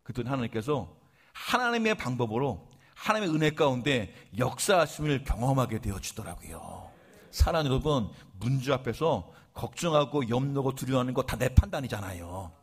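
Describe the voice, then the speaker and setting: A male pastor preaching a sermon in an animated storytelling way, firing off rhetorical questions and joking about himself. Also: mid-range voice, brisk, husky. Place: church service.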